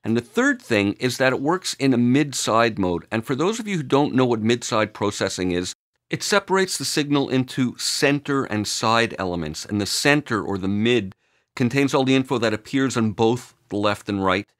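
A man presenting a screen-recorded audio software tutorial, explaining each control in a steady, walkthrough manner. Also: mid-range voice, moderate pace.

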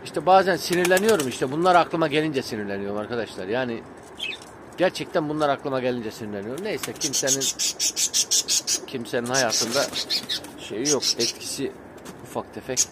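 A man's voice: medium pitch, fairly quick, pauses often, noisy background. A man vlogging about his pigeons, venting in a rambling, frustrated way with many fillers. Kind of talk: casual vlog talk to viewers. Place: outdoors by a pigeon coop. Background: pigeons cooing and birds chirping.

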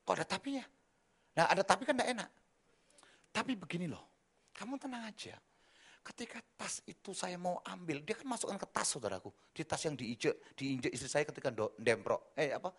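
A middle-aged man preaching a sermon as pastor, with a slight tinge, telling a humorous testimony in an animated, joking way. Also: medium pitch, vocal fry, husky. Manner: animated storytelling, jokes, mimics his wife and daughters.

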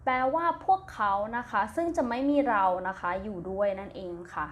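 A woman with a Thai accent teaches a primary English lesson in a slow classroom recording, her medium-pitched voice sing-song and fairly quick over a slight hiss or hum. Gentle and patient, she spells each word letter by letter, says it twice, gives its meaning, and ends phrases with polite particles.

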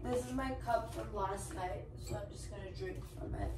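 Filming herself on a handheld phone held at arm's length, a young woman who travel-vlogs talks casually from a hotel room, her voice hoarse from being sick. Her mid-range voice moves at normal speed over background noise as she gushes brightly to viewers she addresses as "guys."

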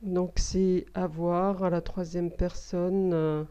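Female teacher, slow patient dictation, dark mellow voice, muffled recording. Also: lowish voice, flat delivery, clear, resonant tone. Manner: slow, repeats words, explains grammar step by step. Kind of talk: slow spelling dictation lesson. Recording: dull lo-fi recording.

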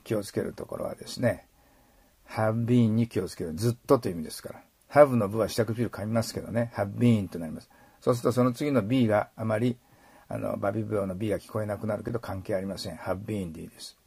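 Middle-aged guy teaching pronunciation, low gravelly voice, dry close sound. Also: fairly even intonation, a little mellow, dry recording. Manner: repeats English phrases slowly and models sounds. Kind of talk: explaining pronunciation in a lesson.

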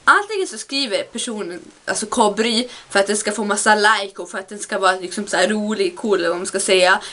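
A young woman from Sweden ranting in a casual vlog, exasperated and mocking, recorded on a webcam at home. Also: sharp tone. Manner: exasperated, mocks others in high voices. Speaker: vlogger.

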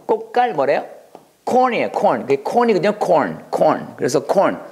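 Animated man teaching English words. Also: fairly high pitch, husky. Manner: animated, repeats words slowly, acts out taunts. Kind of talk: video vocabulary lesson.

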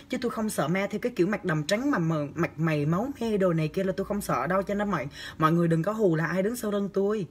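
A young man's high-sitting voice with a breathy edge carries this casual livestream, where he reads comments and answers them in a chatty, campy, teasing style with exaggerated, lively gestures. He records himself on a phone camera at arm's length in a small indoor room.

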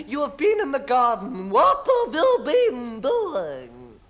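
Stage comedy: grand, gushing society matron, slow and theatrical, hugely varied pitch. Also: female voice, wildly swooping pitch, fairly bright tone, heavily acted. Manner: theatrical, drawn-out, swooping exclamations. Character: grand, gushing, haughty society lady, a domineering mother. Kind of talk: Wilde parody stage comedy.

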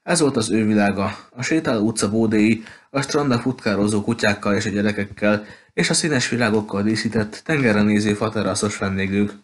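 A man reading a novel aloud at a steady pace, with occasional slips and restarts. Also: fairly low pitch. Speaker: audiobook reader.

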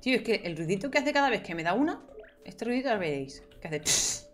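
A woman's voice: mid-range voice, sing-song, fast, faint music behind. Chatty young woman gaming. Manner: chatty, talks to herself and viewers, playful exclamations. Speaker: gameplay streamer. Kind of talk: casual gameplay commentary.

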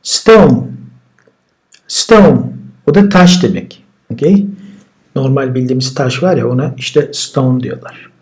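A man teaching an English vocabulary lesson, saying each word twice and then explaining it in a relaxed way. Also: medium pitch, takes it slowly. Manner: relaxed explaining, with repeated words and translations.

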